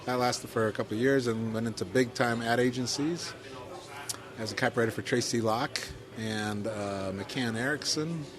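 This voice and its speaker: A middle-aged podcast co-host with a Midwestern accent talks through his career story, medium-pitched and at a moderate pace, as crowd noise carries in the background. The chat is casual, crammed with fillers and self-deprecating asides.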